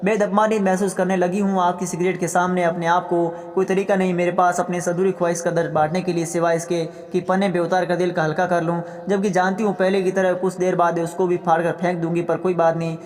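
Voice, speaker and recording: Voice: mid-range voice, little pitch movement, brisk, hardly any pauses, darkish tone, natural voice. A narrator reading the letter of a young wife who is hurt and longing for her husband. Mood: sorrowful. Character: grieving young wife writing a love letter. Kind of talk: scripted story narration. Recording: long hall reverb.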